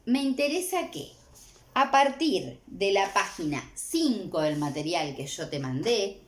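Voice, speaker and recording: Lively Uruguayan woman teaching a lesson. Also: medium pitch, a little slow. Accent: Uruguayan Spanish. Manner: warm, checks in with repeated "¿sí?". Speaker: language teacher. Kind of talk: recorded exam-prep lesson.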